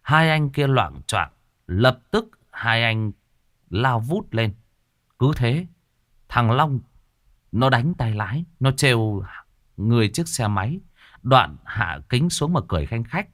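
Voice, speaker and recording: Animated male storyteller. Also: mid-range voice, slow, long pauses, no echo, clean studio sound. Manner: animated storytelling, playing several characters. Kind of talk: ghost story narration.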